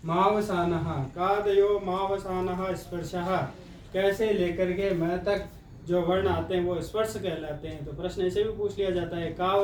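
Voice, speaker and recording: Slow-drilling male Sanskrit teacher. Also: sits high, darkish tone, slight background noise. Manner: slow, drilling letters one by one. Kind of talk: exam-prep lesson. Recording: echoey room, mic far off.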